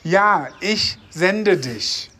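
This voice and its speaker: A man voicing a calm angel of God who speaks slowly and reassuringly in a read-aloud Bible story. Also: high voice, exaggerated voice. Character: calm divine male messenger, angel of God.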